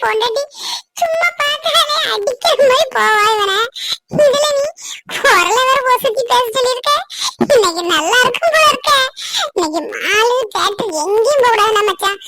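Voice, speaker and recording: A mocking young man who gleefully teases about a friend's trouble. His voice is very high and squeaky, and a loud hiss runs under it. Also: animated, moderate pace. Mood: teasing. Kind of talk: cartoon voice acting.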